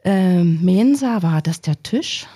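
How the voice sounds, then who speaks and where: A woman's voice: on the low side, lively intonation, takes it slowly, dark tone, breathy edge. Curious playful woman podcast host. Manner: curious, playful, thinking aloud. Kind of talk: podcast interview.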